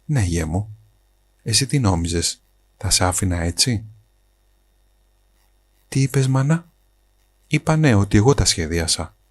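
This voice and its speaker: A man voicing a shrewd, patient mother in her seventies in a storybook reading, calm and knowing. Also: fairly low pitch, long pauses, breathy edge, no echo.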